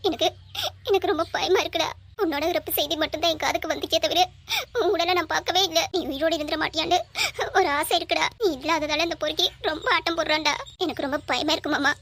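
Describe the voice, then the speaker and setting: A woman's voice: sits high, steady tone, quick pace, fairly bright tone, a little hiss or hum. A woman voicing a frightened, grieving young heroine in a cartoon drama, pleading and tearful.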